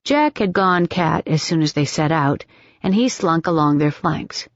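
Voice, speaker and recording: A woman narrating an audiobook in an even, steady storytelling manner. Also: sits low, measured pace, dry recording. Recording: dull, dry audiobook recording.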